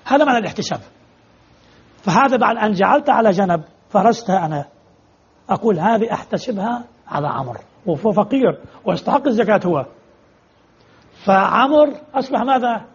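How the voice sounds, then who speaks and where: A man's voice: sits high, animated, fairly quick, long pauses, slightly rough, dull audio. A man teaching religious law in a lecture, explaining with repeated examples and rhetorical questions as he answers students.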